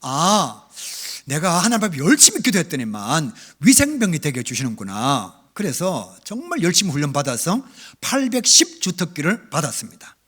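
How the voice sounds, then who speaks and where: A middle-aged male pastor preaching a revival sermon, telling his own story with big swings between loud and hushed. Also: fairly high pitch, huge pitch swings, moderate pace. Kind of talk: revival sermon with personal testimony. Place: church sanctuary.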